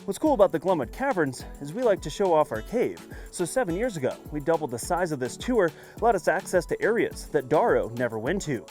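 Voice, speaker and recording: Lively male cave tour guide over music. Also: fairly high pitch, fairly quick, hardly any pauses. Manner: explanatory, presenting sights on the move. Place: on location along a cave tour. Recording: music behind the voice.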